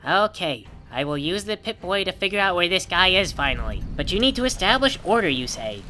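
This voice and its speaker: A woman with a bright, forceful voice rambles through a video game as its host. Her commentary is wry and sarcastic, with faint music behind her. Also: on the low side, very animated, brisk.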